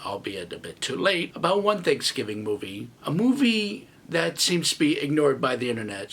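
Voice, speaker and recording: A man's voice: fairly high pitch, vocal fry, fairly bright tone, breathy edge. A man in his thirties giving a comedic movie review with snarky, sarcastic asides. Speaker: film reviewer.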